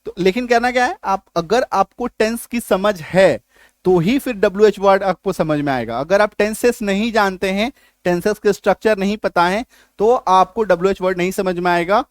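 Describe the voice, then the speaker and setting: High-voiced man teaching grammar. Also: normal speed, no room sound. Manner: explains step by step, repeats phrases and checks understanding. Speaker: English teacher. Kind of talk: live grammar lesson.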